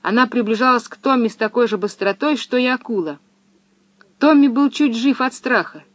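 A woman narrating a children's storybook in a lively, expressive way. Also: a little high, normal speed, no echo.

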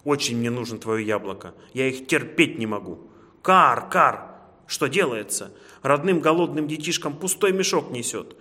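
A man's voice: mid-range voice, lively intonation, normal speed. A man voicing a grumbling, envious crow who caws and scolds, in an echoey room. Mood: grumbling scolding. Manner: loud, cawing, scolding.

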